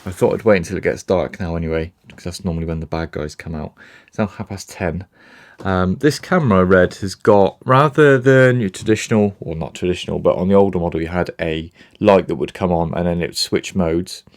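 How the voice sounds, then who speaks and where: A man with a low-pitched voice casually reviews a camera on and around his canal boat. He talks a little fast, barely pausing, easygoing and thinking aloud as he goes.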